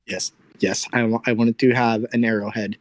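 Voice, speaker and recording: A man's voice: fairly low pitch, flat delivery, brisk, no room sound. Stammering easygoing man, dry sound. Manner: easygoing, hesitant, stammers and restarts. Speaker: guest commissioning a drawing. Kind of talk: casual chat.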